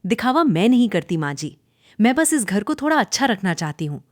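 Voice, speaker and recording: A woman's voice: mid-range voice, sing-song, brisk, darkish tone, no echo, clean studio sound, lightly acted. A woman voicing an overworked young daughter-in-law who answers back in a pained, pleading way in a cartoon story. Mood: defensive.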